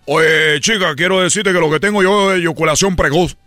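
A man's voice: on the high side, moderate pace, pushed and bright, no room sound, faint music behind. A man putting on a breezy Cuban guy. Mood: mock-casual. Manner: parodic put-on drawl. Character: chatty Caribbean man, easygoing.

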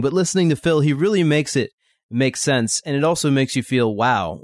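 A man's voice: medium pitch, no room sound, clean studio sound. A man co-hosting a science podcast, talking in an enthusiastic, conversational way. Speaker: podcast co-host.

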